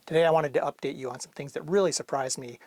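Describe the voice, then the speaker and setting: A man's voice: a little high, fairly even intonation, fast talker, a little mellow, no echo. A man vlogging from inside a small closet, talking to camera in an upbeat, chatty way. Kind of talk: casual talk to camera.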